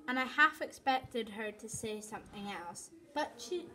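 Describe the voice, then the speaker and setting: A woman reading her own story aloud, slowly and haltingly, with restarts. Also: on the high side, expressive, pushed and bright, poor audio. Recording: voice from off the mic, people chattering behind.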